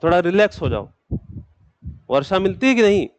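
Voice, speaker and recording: A man's voice: sits high, very animated, brisk, dry recording. A man teaching a geography class, speaking patiently and in a fatherly way to students who have just joined. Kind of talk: classroom lecture.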